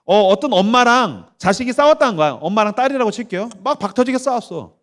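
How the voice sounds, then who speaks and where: A man's voice: extremely high pitch, fast. A pastor in his forties giving a sermon at a youth summer camp, leading the crowd to repeat after him and acting out quoted voices. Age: 40s. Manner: animated, acts out quoted voices, leads call-and-response. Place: church stage at a summer camp.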